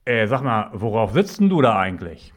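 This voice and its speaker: A man's voice: lowish voice, very animated, moderate pace. A man voicing a stranger who keeps urging and questioning. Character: insistent male stranger passing by.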